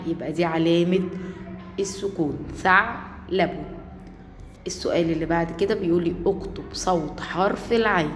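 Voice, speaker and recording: A woman with an Egyptian accent teaching young children, coaxing them along and stretching out words slowly as she repeats them. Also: on the low side, a little hiss or hum. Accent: Egyptian Arabic. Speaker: primary school Arabic teacher. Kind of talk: children's lesson. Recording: echoey room with long reverb.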